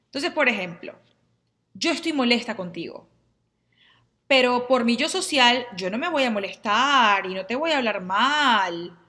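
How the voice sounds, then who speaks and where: Mujer animada de voz brillante. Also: female voice, a little high, measured pace. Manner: lively, acts out little dialogues in quotes. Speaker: astrologer and therapy teacher. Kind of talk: casual explainer to viewers.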